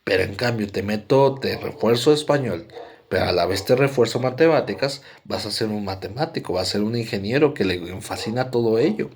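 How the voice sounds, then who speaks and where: A man's voice: fairly low pitch, lively intonation, brisk. A man with a Mexican accent giving a conversational psychology lecture, often checking in with his listeners. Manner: conversational, frequent "¿no?" tags and fillers. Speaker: psychology presenter. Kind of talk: explanatory lecture.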